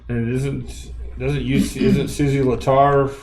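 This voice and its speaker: A man's voice: mid-range voice, level tone, takes it slowly, darkish tone. A man casually moderating a public meeting as its chair. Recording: echoey meeting room, faint noise.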